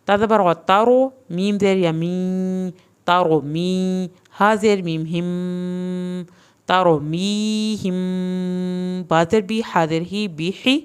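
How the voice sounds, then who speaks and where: Female reading teacher, lower register, smooth clear tone; slow syllable-by-syllable drills with brisk explanatory asides. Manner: spells out syllables slowly and deliberately, then blends them; explains rules in quicker, plain teacherly asides. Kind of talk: recorded online lesson.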